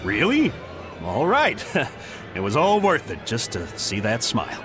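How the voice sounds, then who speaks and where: An actor playing a cheerful, boisterous reformed bandit who now dreams of cooking, in a video game. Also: male voice, mid-range voice, wildly swooping pitch, a little slow. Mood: eager, pleased. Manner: boisterous, informal. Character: cheerful reformed male bandit turned eager cook. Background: music.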